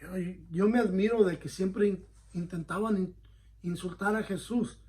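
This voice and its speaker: Teaching a Bible study, this pastor has a high-pitched yet dark-toned male voice. His delivery is sincere and chatty, with regular pauses to check understanding and many mid-sentence self-corrections.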